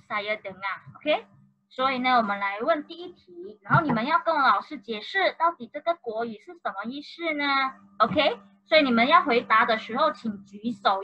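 A woman's voice: sits high, pushed and bright, muffled recording. A woman teaching an online primary school class in Malaysian Mandarin, mixing in Malay and English words and coaxing the pupils along. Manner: encouraging, coaxing. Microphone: video call.

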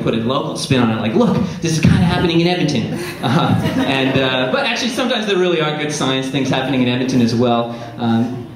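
Male presenter, informal jokey stage talk, slightly high voice, halting delivery, very echoey theatre. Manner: self-deprecating, jokey, halting. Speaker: science centre presenter. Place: theatre stage before an audience. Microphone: handheld microphone. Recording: echoey theatre PA with audience noise.

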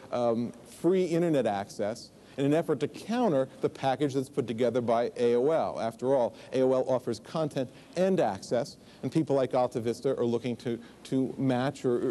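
Speaking in a mellow, medium-pitched voice, this keynote speaker, a man in his forties, addresses a conference from a large stage. He wears a lapel mic and explains in a conversational way, full of asides and fillers.

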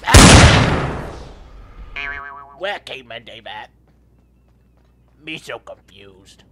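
A man voicing a dim-witted, excitable caveman who talks about himself in the third person while commenting on gameplay. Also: medium pitch, extremely slow, faint music behind, full character voice. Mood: goofy. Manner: broken caveman grammar, third person, sudden yelps. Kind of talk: playful game commentary in character.

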